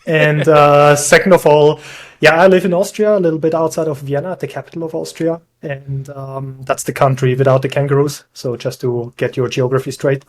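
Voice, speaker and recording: A young Swiss man joins a podcast as a guest over a video call, chatting in a casual, conversational interview where he pokes fun at himself and laughs often. His voice is fairly high, with a steady tone and moderate pace.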